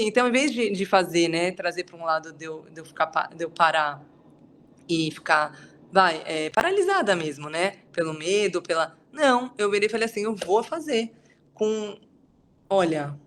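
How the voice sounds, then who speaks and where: Brazilian woman rattling off her testimony at a bible study, super chatty and fast, fillers everywhere. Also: lowish voice, fairly bright tone, slight background noise. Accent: Brazilian Portuguese. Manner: chatty, rambling, many fillers. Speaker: Bible study group leader. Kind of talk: casual testimony in a group.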